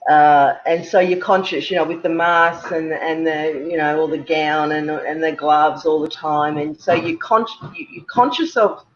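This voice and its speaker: An Australian woman guest on a video call, talking in a halting way, with many fillers and repeated words. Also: low-pitched, fairly even intonation. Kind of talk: casual interview chat. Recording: muffled lo-fi video-call audio.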